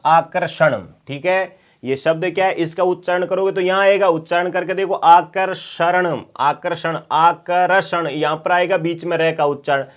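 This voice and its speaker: A man with a fairly high voice teaches an online exam-prep class. He drills each word by saying it over and over slowly. He quizzes his students and teases them to answer fast. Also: steady tone, highs cut off. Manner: playful teasing threats to hurry answers. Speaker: Hindi teacher.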